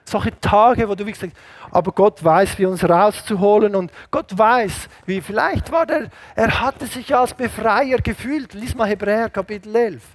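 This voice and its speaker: Male preacher, middle-aged, storytelling sermon, husky, higher voice, animated. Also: normal speed, dry recording. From Switzerland. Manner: animated, switches between shouting and hushed quoted voices. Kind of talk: lively sermon with anecdotes.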